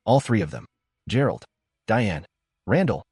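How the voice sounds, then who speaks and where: A young adult man narrating a first-person story in measured, clipped sentences. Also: on the low side, very animated, darkish tone, slightly rough, no room sound, clean studio sound.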